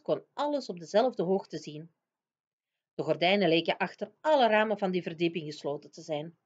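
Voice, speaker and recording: A woman teacher reading a children's book aloud in a lively storytelling manner. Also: lowish voice. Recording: dull lo-fi recording.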